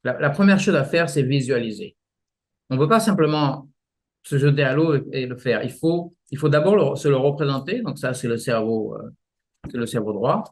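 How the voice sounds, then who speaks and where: Male martial arts teacher, halting, vivid examples, guest interview. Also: mid-range voice. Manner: halting, many restarts, explains with images. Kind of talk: casual explanatory interview.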